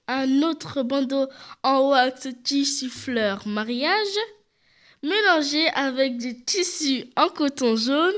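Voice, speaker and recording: A woman's voice: high-pitched, a bit bright. A woman hosting a show, presenting products and talking straight to the viewers. She has a cold and describes each item in detail. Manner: addresses viewers directly, describes items in detail. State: stuffy with a cold, coughing.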